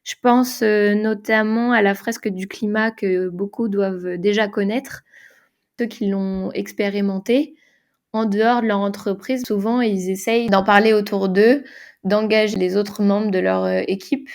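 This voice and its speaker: A woman's voice: medium pitch, fairly even intonation, unhurried, darkish tone. A woman who designs games for workshops, answering interview questions in French, thinking aloud with frequent fillers and restarts. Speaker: game designer and facilitator.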